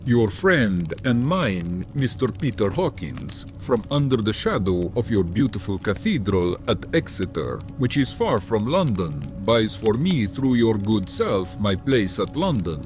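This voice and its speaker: An actor playing a sinister, courteous vampire count in an audiobook drama, with formal, deliberate, archaic speech and lingering pauses. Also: male voice, on the low side, very animated, music in the background. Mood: measured, explaining.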